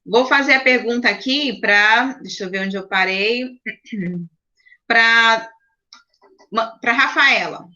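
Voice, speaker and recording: A Brazilian woman teaches a grammar lesson over a video call, her voice a little high and bright. She explains patiently, step by step, and often stops to check in with the children. The call audio sounds dull and lo-fi. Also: slow, pauses often. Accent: Brazilian Portuguese. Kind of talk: online class teaching.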